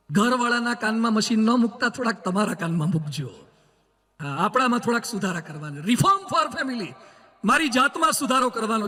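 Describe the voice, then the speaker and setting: A man preaching a sermon to a gathering, telling stories and acting out the voices in them, with slow emphatic lines. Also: high-pitched, pushed and bright. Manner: storytelling with acted quotes, slow emphatic English lines. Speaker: monk preacher. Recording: long hall reverb.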